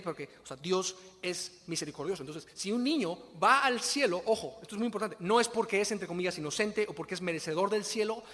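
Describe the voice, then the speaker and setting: A man's voice: high-pitched, fairly bright tone, big-room sound. A man with a Mexican Spanish accent preaching a sermon in a conversational way, often asking rhetorical questions.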